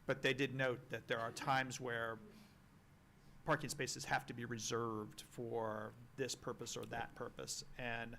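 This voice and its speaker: A man on a town's planning staff, explaining policy to a council in a halting, explanatory way on a meeting microphone. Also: medium pitch, little pitch movement, vocal fry, pushed and bright, a little hiss or hum. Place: town meeting room.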